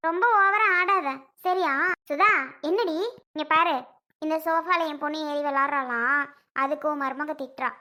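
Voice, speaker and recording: A woman's voice: very high-pitched, sharp tone. A woman voicing a touchy young mother who picks a fight in an indignant, quarrelsome way.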